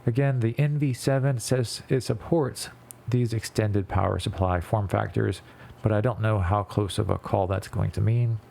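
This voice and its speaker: Low, creaky man with a stuffed-up nose. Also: moderate pace, mellow. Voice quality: stuffy blocked nose, as if packed with gauze. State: congested after nose surgery, can't breathe through nose. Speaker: video creator narrating a PC build. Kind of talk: casual tutorial voice-over.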